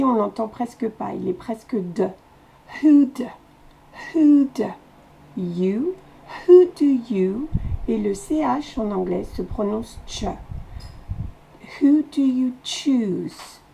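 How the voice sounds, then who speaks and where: Une enseignante française qui fait répéter des phrases anglaises, voix chaude et un peu aiguë, léger bruit de fond. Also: female voice, a little high, gravelly, slight background noise, rough recording. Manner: slow, repeats English phrases loudly for practice. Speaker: English teacher. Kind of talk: pronunciation lesson for French speakers.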